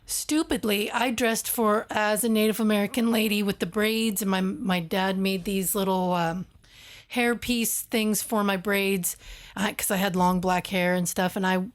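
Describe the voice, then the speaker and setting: A woman co-hosts a podcast in casual chat, reflective and hesitant. She often restarts her sentences as she thinks aloud. Her voice sits at an ordinary middle pitch. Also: fairly even intonation, moderate pace. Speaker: podcast co-host.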